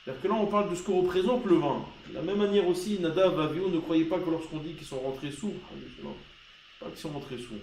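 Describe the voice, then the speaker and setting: A man's voice: a little high, fast, roomy sound, slight background noise, rough recording. Emphatic man teaching a Torah class. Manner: rhetorical questions, grows loud and emphatic.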